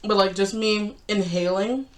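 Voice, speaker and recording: A woman's voice: medium pitch, fairly even intonation, measured pace. Chatty woman vlogger eating spicy food. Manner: chatty, laughs often while eating. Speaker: host. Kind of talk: casual reaction chat.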